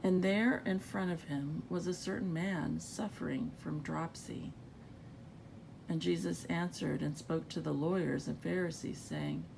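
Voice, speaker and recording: A woman with a warm, gravelly, creaky voice reads scripture informally, sounding groggy as if she just woke up. The rough recording has rumbly background noise.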